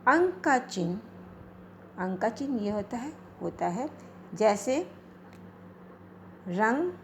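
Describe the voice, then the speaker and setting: A woman teacher giving a grammar lesson, repeating points slowly and asking questions she then answers herself. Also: on the high side, big pitch swings, slight background noise. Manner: slow, repetitive questioning, answers her own questions.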